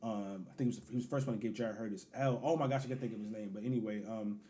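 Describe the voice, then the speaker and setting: Animated man breaking down a fight. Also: on the low side, racing. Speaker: podcast co-host. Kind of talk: casual sports chat.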